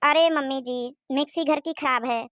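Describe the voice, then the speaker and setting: A woman's voice: high-pitched, normal speed, a bit bright, no room sound, studio quality. A woman voicing a young married daughter who explains and complains to her mother. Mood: complaining.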